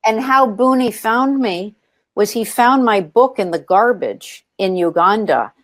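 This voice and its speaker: Speaking a little slowly in a medium-pitched, expressive voice, a woman who started a nonprofit recounts stories in an interview. She is earnest, frequently saying um and restarting her sentences, and there's no echo.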